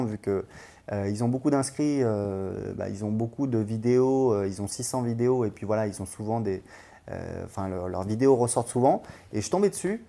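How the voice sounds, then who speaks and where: A man's voice: mid-range voice, dark tone. A man hosting a language-learning channel, talking casually and enthusiastically, with many hesitations and fillers. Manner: rambling, full of hesitations and fillers; enthusiastic, recommending. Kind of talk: casual vlog talk.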